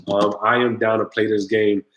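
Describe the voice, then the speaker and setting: A man's voice: fairly low pitch, flat delivery, normal speed, reverberant, noisy background. A man hosting his own live stream, chatting casually and straight to his viewers. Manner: laid-back, talks straight to viewers, groans at the drink.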